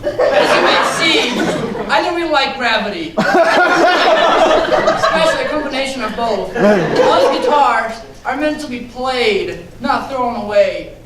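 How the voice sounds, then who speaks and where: A man's voice: very high voice, animated, a little slow, a loud crowd. A man playing an aggrieved broken guitar in amateurish, hammy live improv, recorded from a distance in an echoey room. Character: aggrieved, broken guitar complaining about its owner. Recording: echoey room, distant mic, loud noise.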